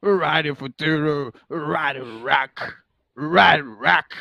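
A man doing a gravelly, drawling rock DJ. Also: fairly high pitch, steady tone, extremely slow, crowd noise, full character voice. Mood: grandiose. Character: slow gravelly male rock radio announcer. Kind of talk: parody radio jingle.

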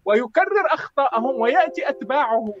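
A man's voice: very high voice, lively intonation, fast talker, muffled recording. A man making a dismissive, argumentative case in a debate.

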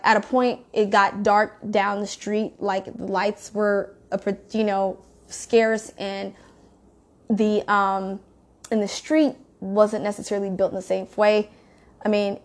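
Profane, rambling woman telling a story. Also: medium pitch. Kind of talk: casual storytime monologue.

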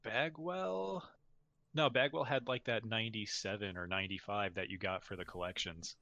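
Man, casual chat, lowish pitch, bright tense tone, dry sound, jokey. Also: normal speed, creaky. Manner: joking, stammers at starts.

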